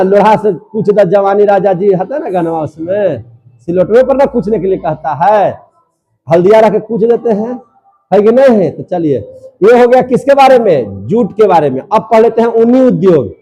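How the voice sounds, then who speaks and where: A young man with a high, warm voice gives a classroom lecture, drilling students with questions and repeating each answer they give.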